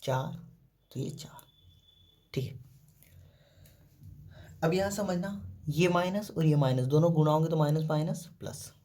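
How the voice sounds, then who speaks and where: A man teaches a math lesson step by step, posing questions and answering them himself, often saying "ठीक है" and "देखो". His voice is on the high side and warm, moving at a moderate pace with long pauses.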